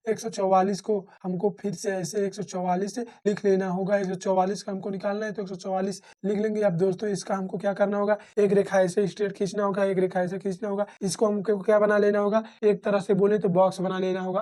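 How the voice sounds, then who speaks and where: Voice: medium pitch, a little mellow. A teacher explaining a math method step by step, often addressing listeners as friends and answering their own questions. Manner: repeats and rephrases steps.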